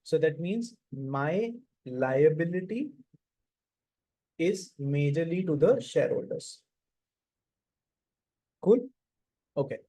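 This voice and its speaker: Mellow North Indian man, lecturing informally. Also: fairly high pitch, expressive, takes it slowly, pauses often, poor audio. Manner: informal, Hindi interjections mixed into English. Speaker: lecturer teaching auditing. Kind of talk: conversational classroom lecture.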